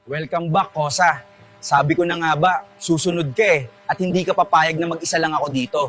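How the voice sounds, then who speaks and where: A man's voice: a little high, fairly even intonation, a little fast, a bit bright, faint music behind. A man speaking in an earnest, preachy way, delivering a mock sermon and comic dialogue.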